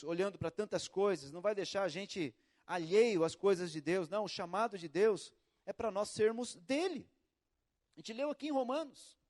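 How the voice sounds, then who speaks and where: A Brazilian man preaches in a church, his voice set notably high for a man. He tells stories with animation, acting out little quotes and calls. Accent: Brazilian Portuguese. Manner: animated storytelling with acted quotes and shouts. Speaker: pastor. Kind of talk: sermon.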